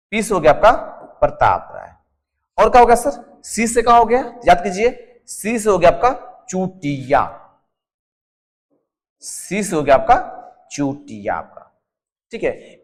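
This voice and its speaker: In a big-sounding room, a high-pitched man with a Jharkhand Hindi accent runs a whiteboard exam-prep session built around a mnemonic. He turns the answers into questions for the class, says every term over and over, and tacks a polite "sir" onto nearly everything he tells the students.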